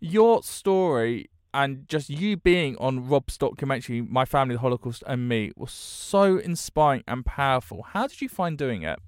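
A man's voice: mid-range voice, big pitch swings, normal speed, few pauses, smooth, dry recording, clean studio sound. A British man hosting a podcast, speaking in an earnest, encouraging self-help manner. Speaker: podcast host. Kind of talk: podcast monologue introduction.

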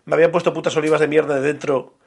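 A man's voice: a little high, fairly even intonation, rapid-fire, vocal fry, darkish tone, breathy edge. A man co-hosting a casual podcast over beers, telling funny stories full of swearing and jokes. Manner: storytelling, swearing and joking. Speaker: podcast co-host.

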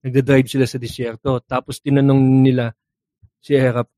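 A man's voice: mid-range voice, flat delivery, moderate pace, mellow, no room sound. A young man animatedly telling a joke story, acting out characters with sound effects and laughing at his own punchlines. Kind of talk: casual storytelling.

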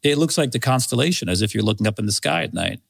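A man's voice: mid-range voice, animated, racing, vocal fry, no room sound. A man in his fifties, a company head as podcast guest, talking in a chatty, self-deprecating way and often repeating himself. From Armenian. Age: 50s. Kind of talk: casual podcast interview.

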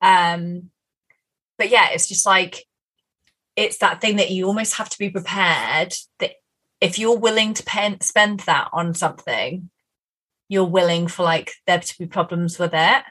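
A woman's voice: fairly low pitch, unhurried, bright, forceful tone. A woman co-hosting a podcast, chatting in a rambling way with lots of fillers and laughs mid-sentence. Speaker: podcast co-host. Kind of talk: casual chat.

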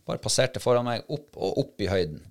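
Man with a low voice, chatty animated storyteller in a conversation. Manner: lively, animated retelling, quoting others. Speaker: dog handler telling a story. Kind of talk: casual storytelling in a podcast chat.

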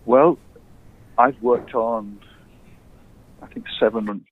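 A man from England, a guest musician, telling stories in a relaxed, plain way. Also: mid-range voice, slow pace. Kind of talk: casual interview chat. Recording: tinny phone-like line.

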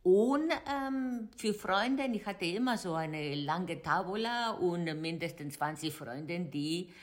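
A woman's voice: lowish voice, animated, slow. A middle-aged woman from Argentina with an Argentine Spanish accent, a Spanish native speaker and hobby cook answering interview questions hesitantly, searching for words. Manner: hesitant, searching for German words, many fillers.

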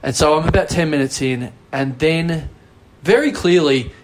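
The recording is rough as an Australian podcast host, his voice a little high, rambles through a long anecdote at normal speed. He swears freely and mocks himself along the way in a casual storytelling chat.

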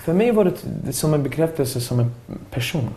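Talkative former footballer, lively storyteller. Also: male voice, on the high side. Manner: talkative, animated storytelling with frequent restarts. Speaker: former professional footballer, youth coach. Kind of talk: casual interview conversation.

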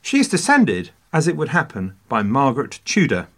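A man's voice: mid-range voice, huge pitch swings, normal speed, a bit bright. An English man hosting a casual history podcast, full of jokey asides and mock French phrases. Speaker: podcast host.

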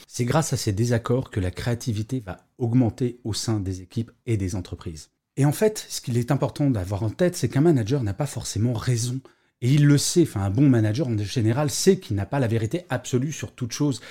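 A middle-aged man hosts a solo podcast, explaining his points casually with asides. His voice is husky and dark, and his pitch moves around a lot as he talks. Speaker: podcast host. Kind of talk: solo podcast talk on work life.

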